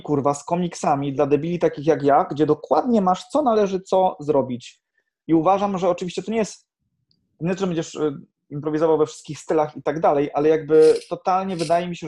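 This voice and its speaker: A man who teaches improv, talking in a casual podcast chat, animated, swearing now and then and restarting his sentences. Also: fairly high pitch.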